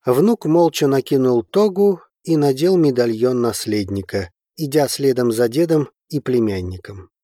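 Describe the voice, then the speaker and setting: Male narrator, mid pitch, slow unhurried audiobook reading, dry studio sound. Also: no echo. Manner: steady, unhurried storytelling. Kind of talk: scripted narration.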